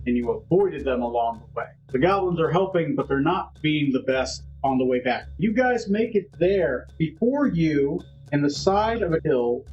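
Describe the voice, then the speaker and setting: A man's voice: on the high side, a little mellow. A man narrating a tabletop game as game master, describing scenes and calling for dice rolls. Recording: dull lo-fi recording. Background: faint music.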